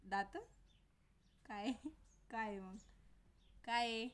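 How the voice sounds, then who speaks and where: A woman filming a toddler at home chats casually with the little girl, coaxing her with repeated questions. Her mid-range voice is steady, very slow and clean in tone.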